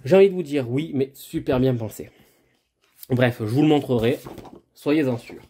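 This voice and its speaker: A man's voice: mid-range voice, normal speed, mellow, husky. Chatty man unboxing a board game. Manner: chatty, many fillers and restarts. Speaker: board game channel host. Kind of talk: casual unboxing talk. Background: lawn mower and brush cutter nearby.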